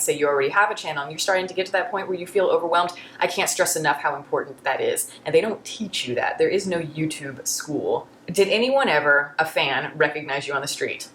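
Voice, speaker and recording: A woman's voice: sits low, fairly bright tone, roomy sound, slight background noise. A woman answering viewer questions in a casual way, candid and reflective, often restarting her sentences. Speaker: YouTube film reviewer.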